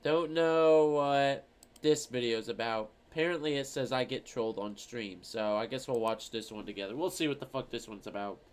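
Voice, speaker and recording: A man's voice: mid-range voice, moderate pace, slight background noise. A man streaming, reacting to an old video of himself, rambling and swearing casually with a lot of fillers. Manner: rambling, profane, lots of fillers.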